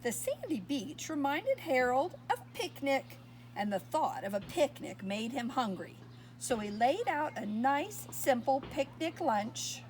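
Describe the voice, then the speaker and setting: A storyteller with a bright, high-pitched voice reads a picture book to children at an unhurried pace, her pitch swooping with expression as she stops now and then to ask them what comes next. The recording is rough, with faint noise underneath.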